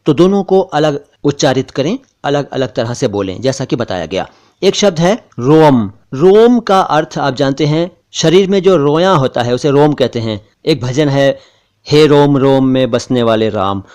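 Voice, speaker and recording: A man hosting a language lesson, patiently explaining how words are pronounced and saying each word again slowly. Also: mid-range voice, a little mellow. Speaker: host and language teacher.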